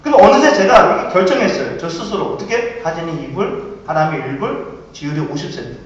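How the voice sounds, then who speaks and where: A middle-aged man preaching a sermon as senior pastor, telling stories and asking rhetorical questions, with dramatic swings from soft to loud. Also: fairly high pitch, expressive, a little fast, a little hiss or hum. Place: church sanctuary. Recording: echoey, distant, dull church recording.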